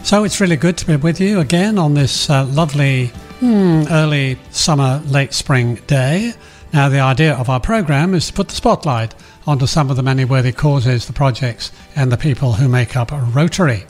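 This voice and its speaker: A man's voice: mid-range voice, moderate pace, faint music behind. An Australian man hosting a community radio programme in a chatty way, addressing listeners directly and interviewing guests.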